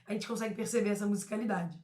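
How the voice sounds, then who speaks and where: A woman teaching a lesson on poetic meter, often repeating words and restarting, and reading verses aloud slowly. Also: medium pitch, steady tone, dark tone. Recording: echoey room.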